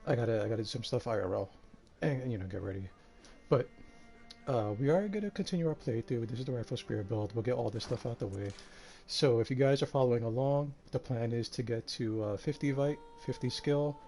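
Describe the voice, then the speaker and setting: A man streaming a game live, tired and a bit out of breath, talking in a relaxed, rambling way with lots of fillers. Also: mid-range voice, a little fast, soft background music. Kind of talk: casual live-stream commentary.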